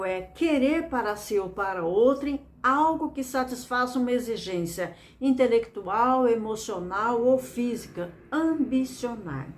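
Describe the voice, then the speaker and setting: A woman's voice: on the high side, slight background noise. A woman from Mato Grosso do Sul with a Brazilian accent, giving an earnest, encouraging motivational lecture and repeating phrases for emphasis. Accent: Brazilian Portuguese. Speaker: speaker presenting a method.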